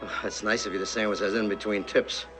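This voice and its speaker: An actor playing a laconic, dry-witted, tough private detective speaking deadpan in a film. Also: male voice, fairly low pitch, fast, music in the background, lightly acted. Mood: dry, sardonic. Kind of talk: film dialogue.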